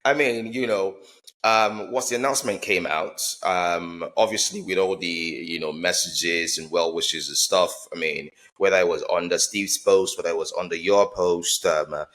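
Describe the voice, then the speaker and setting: Deep-voiced man hosting, full of fillers. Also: normal speed, a bit bright. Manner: rambling, many fillers and restarts. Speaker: podcast host. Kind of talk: conversational interview.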